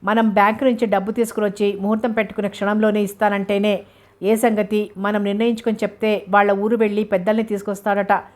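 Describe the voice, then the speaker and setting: A bustling elder brother gives quick instructions as he hurries to arrange a match, voiced by a woman reading a novel aloud. The pitch stays even and flat throughout. There is little change from the reader's own voice. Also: close to an everyday voice. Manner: hasty and bustling.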